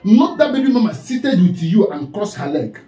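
A man's voice: high-pitched, very animated, moderate pace, mellow, reverberant, low-quality recording. A man with a Nigerian accent delivering a preachy, scolding commentary, repeatedly calling out the person he addresses. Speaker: online commentator.

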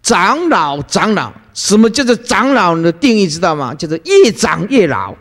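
A male Buddhist dharma master giving a sermon, telling stories and acting out the people he quotes, often with a laugh. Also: moderate pace. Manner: lively storytelling, acts out quoted people with playful pitch jumps and laughter. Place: lecture hall. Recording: long hall reverb.

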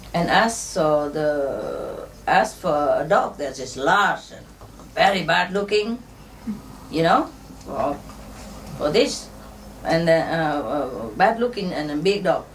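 Slow, halting woman telling jokes. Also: deep voice. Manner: unhurried, halting storytelling with many fillers. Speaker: spiritual teacher telling jokes. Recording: distant mic with faint ambient noise.

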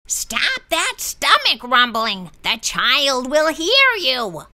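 A woman voicing a strict long-necked male monster teacher, speaking in a lower, measured and instructive way. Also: wildly swooping pitch, pushed and bright, exaggerated voice. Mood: stern, instructive.

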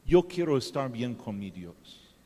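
A man preaching a sermon as pastor, emphatic, swinging from loud to hushed. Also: mid-range voice, very animated, a little slow, long reverb tail. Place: church hall.

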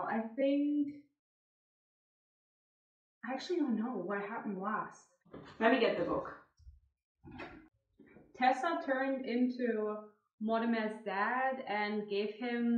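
A young woman giving a casual, blunt, exasperated book reaction vlog in a tiled bathroom, picked up from a little distance. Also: a little high. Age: young adult. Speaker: book vlogger. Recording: roomy, distant, dull sound.

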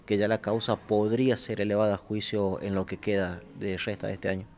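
A man's voice: fairly low pitch, flat delivery, brisk, a little mellow, a little hiss or hum. A male reporter asking formal, polite interview questions.

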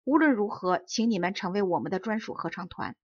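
A solemn, formal shadow who runs a magical radio station, read by a woman. The voice is quiet and earnest, with dull, dry storybook-audio sound. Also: mid-range voice, animated, a little fast, dry recording, natural voice. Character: mysterious shadow, director of the west wind radio station.

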